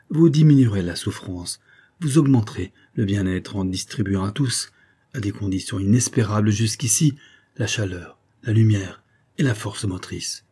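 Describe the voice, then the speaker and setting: A man's voice: lowish voice, warm tone, slightly rough. A man voicing a devoted male assistant who confesses to a murder in a fervent, pleading way, in a storybook reading.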